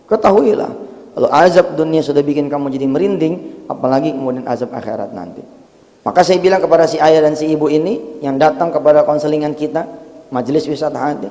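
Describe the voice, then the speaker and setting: A middle-aged man preaching a sermon, moving between chanted Arabic recitation and animated everyday talk. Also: on the high side. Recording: long hall reverb.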